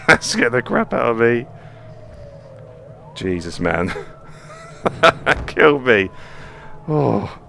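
His mid-range voice swings hugely in pitch, creaky, pushed and bright, and he talks extremely slowly with long pauses. He's a VR channel host commenting live on a horror game from his home room floor, jumpy, swearing a lot, laughing nervously, with a little hiss or hum.

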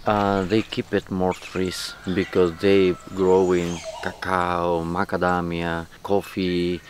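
Guatemalan guide with halting Spanish-accented English. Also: male voice, deep voice, flat delivery, slight background noise. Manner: explanatory, halting non-native English. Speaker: local tour guide and driver. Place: outdoors by a lake and in a car.

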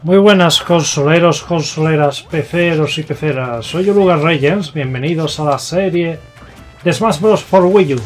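A young man with a Spain Spanish accent giving excitable, foul-mouthed live gameplay commentary, yelling at his opponents. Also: a little high, measured pace. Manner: excitable, swears a lot, yells at opponents. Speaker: gaming YouTuber. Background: faint game music.

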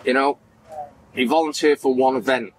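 In a medium-pitched voice at a moderate pace, a Manchester-accented podcast guest in his forties tells stories with animation, voicing the people in them and gesturing widely. The casual interview takes place against an indoor event backdrop at a farmers market, with poor audio and a slight hiss or hum.

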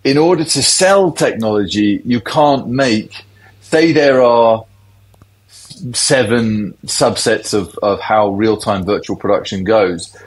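A man's voice: on the low side, takes it slowly, rough recording. A middle-aged man, a tech industry guest, explaining things in a loose, conversational interview.

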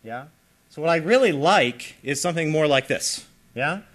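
A man lecturing on computer science, explaining with lively emphasis and checking in with his audience. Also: a little high, normal speed. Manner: animated, explanatory, checks in with listeners. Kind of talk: academic lecture.

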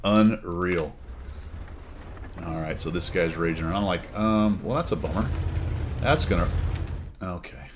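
Deep-voiced man commenting on gameplay. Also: a little slow, long pauses, background noise. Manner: chatty, wry, exclaims and laughs at plays. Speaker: gaming channel host.

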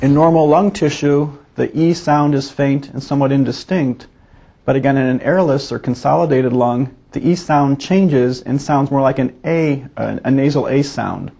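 Man, physician instructor, medical teaching demonstration, gravelly, husky, methodical. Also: mid-range voice, moderate pace, dark tone. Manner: methodical, explanatory.

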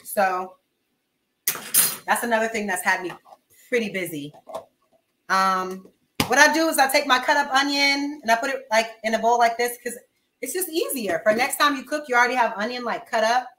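This young woman's voice is a little high, bright, and forceful, at a moderate pace broken by long pauses. She hosts a cooking livestream from her home kitchen, chatting informally and slangily with viewers while moving about. The webcam-style mic is at arm's length or farther, giving a roomy sound with slight background noise.

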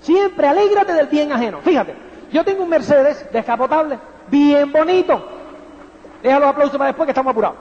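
A man giving a motivational talk to an audience, animated and theatrical, often checking in with "do you understand me?". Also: extremely high pitch, fairly quick. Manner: animated, theatrical, asks "¿me entiendes?" constantly. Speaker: motivational speaker. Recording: dull sound with long hall reverb.

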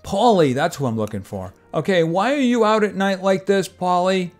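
Chatty streamer man with lively pitch. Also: moderate pace. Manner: chatty, wry asides. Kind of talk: casual gameplay commentary. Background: game music.

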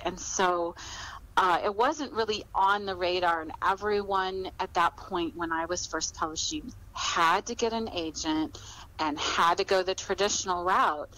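An American woman, interviewed as an author on a podcast, explains things in a measured, conversational manner. Her voice is on the low side with a sharp tone, and the recording is rough.

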